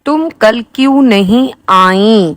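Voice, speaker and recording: A woman reading short example sentences aloud in a lesson, in a flat, even tone. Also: fairly high pitch, dry recording. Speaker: prompt reader.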